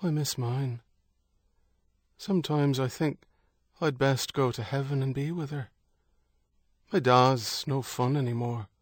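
A man doing a hushed young boy. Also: mid-range voice, fairly even intonation, measured pace, long pauses, no echo, clean studio sound, voice pushed up, natural voice. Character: young Irish boy, wistful and anxious.

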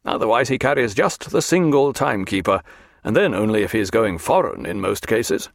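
A man's voice: on the low side, very animated, fairly quick, creaky, dry recording, clean studio sound, exaggerated voice. A man voicing a hearty, good-humoured naval captain in an audiobook, with bluff, old-fashioned, confident speech. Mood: frank.

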